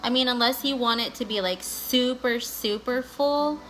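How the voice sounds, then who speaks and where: A woman's voice: on the high side, normal speed, a bit bright, slight background noise, rough recording. A woman giving a casual, chatty makeup tutorial in a bubbly, gushing, playful way, peppering her talk with filler slang like a vlogger. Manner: bubbly and gushing, with valley-girl style "like" and "guys"; playful, breaks into sing-song bits and exclamations. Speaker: beauty vlogger. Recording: music playing behind the voice. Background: music.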